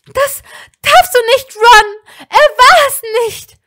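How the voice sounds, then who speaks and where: A woman voicing a desperate young woman whose voice nearly cracks, shrill and loud. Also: big pitch swings, slow, dry recording, studio quality, full character voice. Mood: panicked. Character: young woman shrieking in panic.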